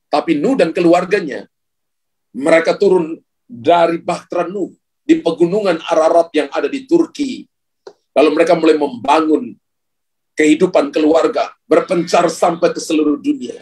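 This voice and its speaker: A man's voice: on the high side, a little mellow, breathy edge. A male pastor preaching a sermon, speaking emphatically and addressing the congregation directly.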